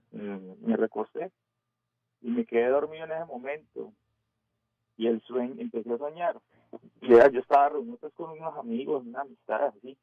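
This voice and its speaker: A male caller whose voice comes through a thin, tinny phone line with a dry, close sound. He tells his scary story haltingly, with plenty of pauses and fillers. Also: mid-range voice, gravelly, dry recording. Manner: hesitant, full of pauses and fillers. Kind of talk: telling a scary story on a call-in radio show.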